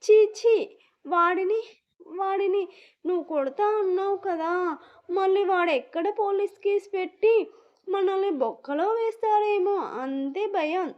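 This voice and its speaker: A woman voicing an emotional older sister who talks haltingly and gets irritated. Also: very high voice. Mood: flustered. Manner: hesitant, faltering speech. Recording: dull lo-fi recording.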